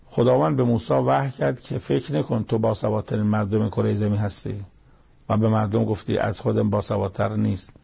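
A man with a deeply gravelly, husky voice teaches scripture commentary. His tone is dark and mellow, and he talks plainly and conversationally, retelling old stories as simple back-and-forth dialogue. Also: little pitch movement. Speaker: Quran interpreter. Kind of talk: colloquial Quran commentary lesson.

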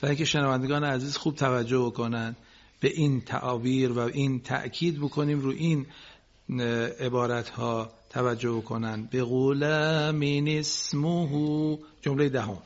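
A man teaching Quran recitation on a radio class, patiently correcting students and slowly modelling each phrase for them. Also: mid-range voice, steady tone. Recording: dull lo-fi broadcast recording.

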